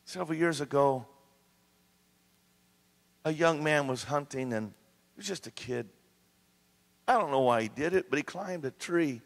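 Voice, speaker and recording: A pastor preaching a sermon to his congregation, swinging from hushed storytelling to rising climactic exhortation. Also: mid-range voice. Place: church sanctuary. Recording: long church reverb.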